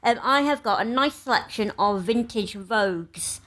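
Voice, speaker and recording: A woman co-hosting a casual chat while hungover, rambling and giggly with lots of pauses. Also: on the high side, expressive, a bit bright. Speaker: podcast co-host.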